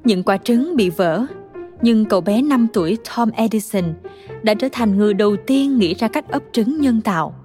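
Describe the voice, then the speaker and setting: A woman's voice: medium pitch, moderate pace, soft background music. Woman narrating a children's story. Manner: calm, even storytelling.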